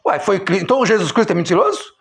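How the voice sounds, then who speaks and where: Gravelly, animated preacher man. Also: fast. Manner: emphatic, swinging from loud exclamations to low quiet lines. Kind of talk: impassioned religious sermon.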